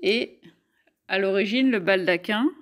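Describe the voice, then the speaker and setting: A woman leads a beginners' lesson on letters and their sounds. She talks slowly and patiently, pausing to spell each syllable out. Her voice sits at an ordinary middle pitch. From France. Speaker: teacher. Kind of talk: Arabic alphabet lesson.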